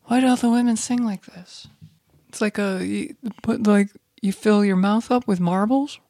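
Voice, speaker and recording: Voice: medium pitch, normal speed, warm tone. A speaker in a loose solo rant, exasperated and swearing freely. The speech keeps circling back on itself with fillers and restarts. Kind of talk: casual ranting monologue.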